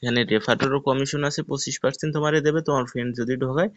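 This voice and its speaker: A man's voice: mid-range voice, steady tone, racing. Casual man giving a tutorial. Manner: casual, instructive, step-by-step. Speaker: YouTuber. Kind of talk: screen-recorded tutorial walkthrough. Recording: dull lo-fi voice recording.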